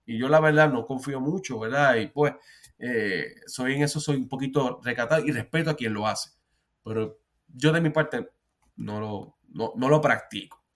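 A man's voice: medium pitch, normal speed, a bit bright. A Puerto Rican therapist, a man who talks earnestly in a casual podcast chat, often restarting and repeating words. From Puerto Rico.

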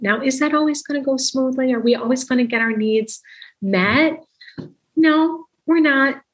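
A woman's voice: medium pitch, low-quality recording. A woman in her fifties giving parenting advice in a chatty way, acting out quoted exchanges. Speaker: parenting speaker. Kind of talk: casual talk, giving advice.

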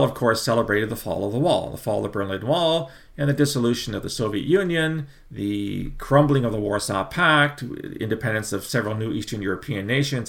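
A middle-aged man hosting a podcast, delivering a measured, emphatic commentary with frequent self-corrections. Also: lowish voice, vocal fry, a bit bright. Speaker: podcast host. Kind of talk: commentary monologue.

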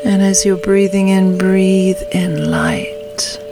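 A woman host guiding a calm grounding exercise, soothing and unhurried, leaving long pauses between short phrases. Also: medium pitch. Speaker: host of a meditation podcast. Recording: music behind the voice. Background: clear music.

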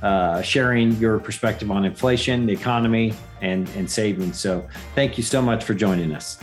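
A man's voice: on the low side, moderate pace, faint music behind. A man hosting a podcast interview in a casual, conversational style. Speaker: podcast host.

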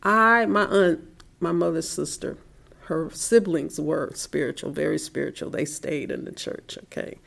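A middle-aged woman gives a heartfelt personal faith testimony in an interview, soft-spoken and sometimes dropping to a whisper. Her voice sits low and sounds gravelly, and she speaks at a measured pace.

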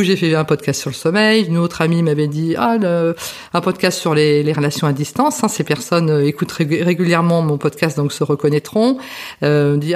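A woman's voice: low-pitched, darkish tone. A middle-aged French woman hosting her own podcast, talking casually with frequent fillers and restarts. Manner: chatty, many fillers and restarts. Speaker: podcast host. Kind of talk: casual spoken monologue.

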